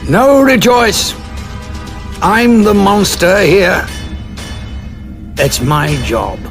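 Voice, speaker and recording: An actor playing a weary, guilt-ridden warrior with a bitter conscience in an audio drama, grave and brooding. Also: male voice, high voice, sing-song, drawn-out words, creaky, over music, full character voice. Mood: bitter, resolute.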